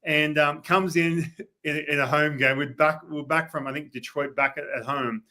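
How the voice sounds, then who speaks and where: A man with an Australian accent, a podcast guest telling stories in a casual, animated way and acting out what people said. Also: a little high, moderate pace. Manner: animated storyteller who acts out quoted dialogue. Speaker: guest, former baseball pitcher. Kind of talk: casual storytelling on a sports podcast.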